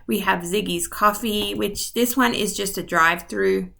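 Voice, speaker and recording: Losing her voice and a little short of breath, a woman real estate agent narrates a map tour over screen share. Her medium-pitched voice is gravelly, pushed and bright, and she goes a little slowly. She keeps it friendly and informal, full of ums and asides.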